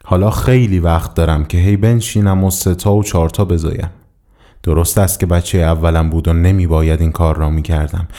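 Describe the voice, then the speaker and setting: A man reading a literary story aloud in a measured, somber first-person narration. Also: sits low, steady tone, dark tone. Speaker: audiobook reader.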